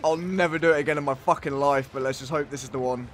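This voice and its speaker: A woman streaming a video game, reacting loudly as she plays, often laughing and swearing in disbelief. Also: sits low, quick pace, slight background noise. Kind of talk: live gameplay commentary.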